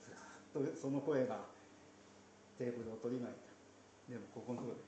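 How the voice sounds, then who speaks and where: A man leads a conversational Bible lesson, mixing the story with playful little asides and quiet chuckles. His voice sits at an ordinary pitch for a man. The room gives it a noticeable echo over a faint hum of background noise. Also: steady tone, quick pace. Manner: chatty, with playful asides and soft laughs. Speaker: pastor.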